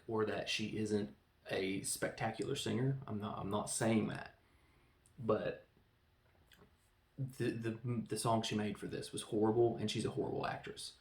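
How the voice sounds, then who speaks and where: A man hosting a podcast, giving a casual, opinionated film review and mocking people with quick put-on voices. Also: lowish voice. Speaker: podcast host reviewing films. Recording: echoey room with faint background noise.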